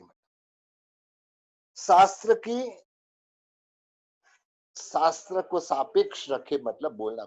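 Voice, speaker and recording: A man's voice: a little high, darkish tone, dull audio. A man teaching a spoken religious lesson, going through a list of rules with many fillers.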